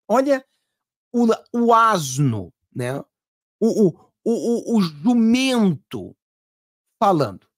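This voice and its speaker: A woman with a Brazilian Portuguese accent hosts an opinionated political commentary vlog. She talks in a sarcastic, mocking, emphatic way, and her pitch swings widely up and down. The sound is dry and close. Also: no echo.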